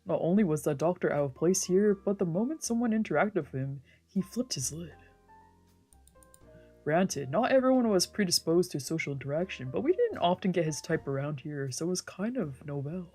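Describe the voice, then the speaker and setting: A streamer dramatically reads a visual novel aloud as let's-play narration, improvising character voices and dropping casual asides, with faint game music behind. The voice is mid-range, warm, and animated, at normal speed.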